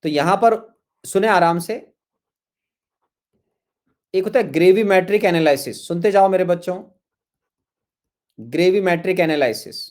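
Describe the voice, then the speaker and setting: A male chemistry teacher gives an online lecture. His voice sits a little high for a man. He coaxes and repeats himself, calling his students his children. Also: measured pace, long pauses, a little mellow. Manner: coaxing, repeats phrases, calls students "my children".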